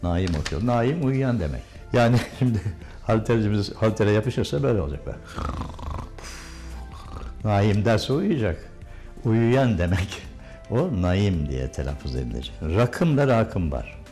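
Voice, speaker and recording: Deep-voiced older man teaching diction. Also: expressive, moderate pace, dark tone, soft background music. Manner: corrective, emphatic about stress and vowel length. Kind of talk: diction lesson.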